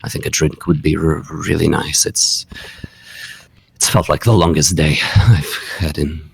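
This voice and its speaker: A man's voice: very deep voice, steady tone, gravelly, breathy edge, no echo, pitched below the performer's own voice, full character voice. A man voicing Leland, a shaken hotel guest who stammers as he meets an old friend. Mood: stunned. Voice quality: halting, stammering.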